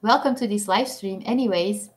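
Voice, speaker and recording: A young Belgian woman whose first language is Dutch speaks English with a Belgian Dutch accent, her mid-range voice moving at a moderate pace. Chatting casually on a live stream, she reads comments, laughs often, and pokes fun at herself.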